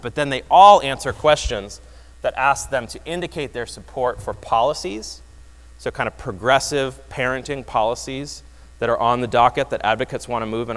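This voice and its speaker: A man giving a lively, wry conference talk that explains research results, often restarting his phrases. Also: medium pitch. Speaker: presenter. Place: conference hall. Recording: long hall reverb.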